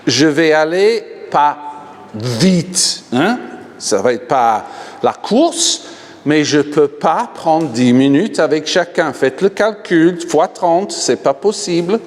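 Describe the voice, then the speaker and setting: A man with an English accent preaches to a church crowd in a joking, good-humored way. His voice sits a little high and he takes his time. The hall adds a long, ringing reverb. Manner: jokey, laughs often, asks the crowd for raised hands. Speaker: guest healing minister. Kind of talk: animated healing-service preaching.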